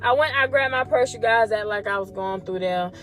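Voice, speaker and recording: A young woman host telling a story in a casual, animated way, swearing often and talking straight to her listeners. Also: mid-range voice, a little fast, faint music behind. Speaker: podcast host.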